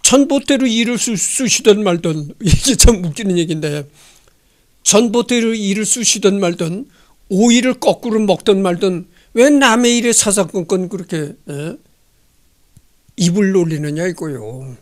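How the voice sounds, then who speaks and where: An older man in his sixties talks through a history text at home, and his voice sits noticeably high for a man. He reads a line, then drifts into chatty asides, often asking his listeners rhetorical questions. He speaks into a handheld microphone in an indoor room. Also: moderate pace. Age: 60s. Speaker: history channel host. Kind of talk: casual lecture reading and commenting on a text.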